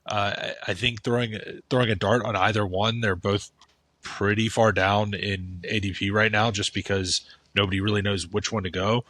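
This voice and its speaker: A man's voice: on the low side, steady tone, normal speed, fairly bright tone, dry recording. A man co-hosting a podcast, giving casual fantasy football takes, often restarting with "I think". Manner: thoughtful, repeats "I think" and restarts. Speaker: podcast co-host.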